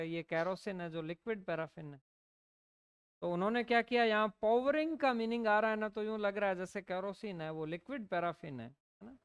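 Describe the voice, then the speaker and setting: Slow, smooth-voiced Indian teacher woman. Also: medium pitch. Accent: Indian English. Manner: reads verse lines slowly, then explains in Hindi. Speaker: English teacher. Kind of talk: classroom poetry lesson.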